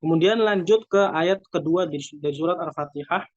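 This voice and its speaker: An Indonesian man teaching Quran recitation rules, explaining step by step and then reciting slow, drawn-out examples. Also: a little high, darkish tone, no room sound. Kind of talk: tajwid lesson with recited examples. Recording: dull, dry lo-fi recording.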